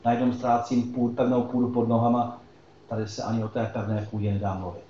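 Guy giving a sermon, mellow voice, big echo, kinda dull sound. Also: medium pitch, flat delivery, a little hiss or hum. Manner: conversational, asks the congregation questions. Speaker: preacher. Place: church hall. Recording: echoey hall, slightly dull sound.

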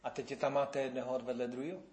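Fifty-something preacher. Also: male voice, medium pitch. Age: 50s. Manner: animated, rises and falls in loudness, acts out quoted voices. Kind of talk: sermon.

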